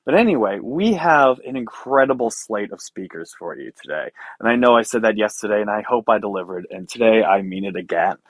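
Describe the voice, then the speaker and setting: A man's voice: fairly low pitch, lively intonation, fairly quick, hardly any pauses, dry recording. A man hosting a live online conference, introducing speakers in an enthusiastic way. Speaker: event host introducing speakers. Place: remote online event.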